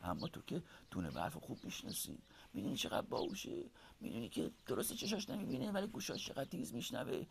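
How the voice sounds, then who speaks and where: A man voicing a gentle, calm and reassuring male father owl who speaks softly. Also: vocal fry, a little hiss or hum. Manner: soft, low, reassuring.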